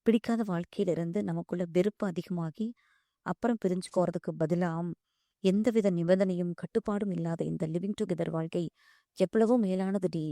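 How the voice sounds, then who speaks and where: A woman's voice: fairly low pitch, steady tone, moderate pace, warm tone, no echo, studio quality, natural voice. A woman voicing a pushy young lover. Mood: indignant. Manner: pleading then scolding, calls her "di". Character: insistent young man, wealthy, pushy and frustrated.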